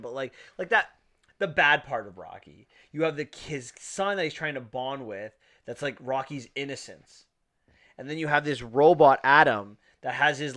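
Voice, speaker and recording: A man's voice: medium pitch, sharp tone. Enthusiastic man reviewing movies. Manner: enthusiastic, rambling with restarts. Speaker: podcast co-host. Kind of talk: casual movie review chat.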